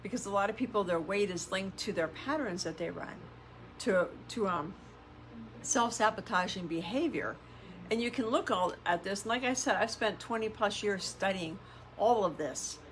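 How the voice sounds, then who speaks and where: The audio is poor, with slight background noise, as a middle-aged woman who hosts a self-help podcast and works as a coach gives a motivational talk. Speaking conversationally but emphatically like a self-help influencer, she repeats phrases and poses rhetorical questions in a mid-range voice at a moderate pace.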